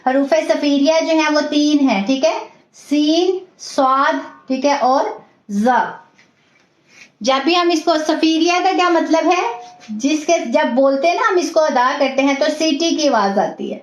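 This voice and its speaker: Woman, patient recitation teacher, high pitch, slow repeated drills, roomy echo. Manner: patient, repeats each word slowly, often says "ठीक है". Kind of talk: online class lesson, slow repetition drills. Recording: roomy, dull lo-fi audio.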